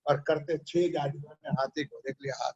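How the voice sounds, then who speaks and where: A man's voice: fairly high pitch, fairly even intonation, normal speed, a little mellow, slightly rough, dull audio. A man preaching a sermon. He tells a parable and keeps stopping to quiz his listeners. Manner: questions the audience often. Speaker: religious preacher.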